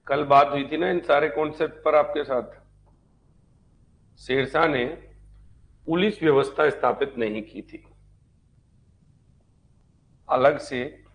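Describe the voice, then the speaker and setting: A man with a fairly high voice leads a live online exam-prep history lecture, taking it slowly and pausing often. His conversational style repeats key points and poses rhetorical questions along the way.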